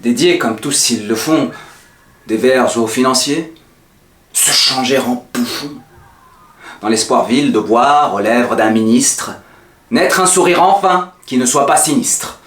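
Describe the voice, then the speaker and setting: A man's voice: mid-range voice, slow pace, fairly bright tone. A man playing a proud, defiant poet-swordsman in a hammy, theatrical verse monologue, declaiming with big dynamic swings. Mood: scornful, restrained. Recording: echoey, roomy sound.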